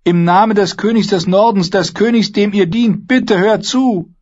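A man's voice: mid-range voice, lively intonation, brisk, husky, lo-fi sound, voice pushed up. A man doing an earnest young woman knight. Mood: pleading. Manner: insistent, pleading. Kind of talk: audiobook character voice.

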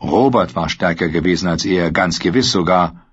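A man narrating an audiobook with a steady, dramatic reading. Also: low voice, normal speed, slightly rough. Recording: dull lo-fi recording.

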